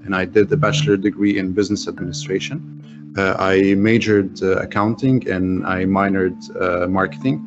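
An Egyptian business owner who has spoken French since school talks earnestly as a guest in a casual interview, restarting often. His voice is deep and steady at a moderate pace, and the audio is dull, with music underneath.

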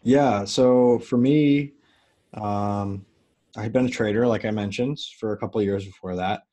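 A man speaking as a podcast guest, telling stories in a relaxed, animated way with plenty of fillers. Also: lowish voice, normal speed, muffled recording. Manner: relaxed, animated, loose with fillers and an occasional curse. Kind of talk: casual interview storytelling.

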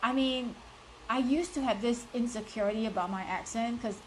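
The audio is poor, with slight background noise, but the voice comes through on the high side at a moderate pace. It belongs to a woman in her thirties with a strong Singaporean accent, a life coach speaking straight to her viewers in a live motivational talk, encouraging and direct, with many "like" and "you know" fillers.

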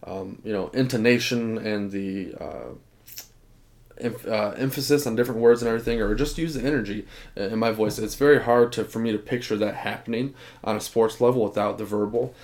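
A young man co-hosting a casual sports podcast, talking in a relaxed, rambling way and laughing often. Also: fairly low pitch, fairly quick. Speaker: podcast co-host.

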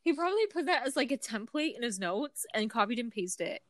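A young woman co-hosting a podcast, reading a message aloud in a giggly, animated way. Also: fairly high pitch, a little fast, no echo. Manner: giggly, animated storytelling with frequent laughs. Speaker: podcast co-host.

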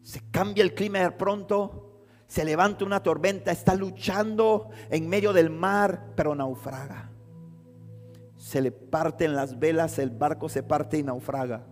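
A man's voice: a little high, a little slow, a little hiss or hum. A man preaching a sermon, telling a story with dramatic storytelling and rising to fervent exhortation. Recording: hall reverb with faint music behind.

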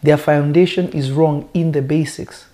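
A male preacher who natively speaks Lingala addresses his listeners in a conversational teaching manner with emphatic, deliberate wording and rhetorical questions. His warm voice is on the high side and holds a steady tone.

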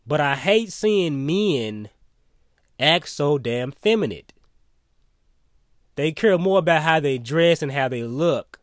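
A man's voice: medium pitch, dry recording, studio quality. A man delivering a solo opinion monologue in a blunt, emphatic way, sometimes swearing. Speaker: opinion commentator.

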